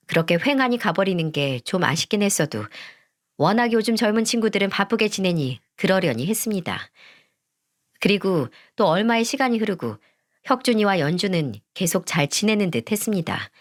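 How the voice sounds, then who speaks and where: A middle-aged woman narrating a first-person family story, gentle, polite and reflective. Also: medium pitch.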